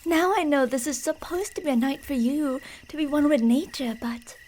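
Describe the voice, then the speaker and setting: In an ASMR roleplay, a woman plays a creepy, delusional stalker posing as a park ranger, teasing and falsely sweet as she slips between soft speech and whispers. Her voice sits high at a normal speed, lightly acted, with a teasing, eerie mood.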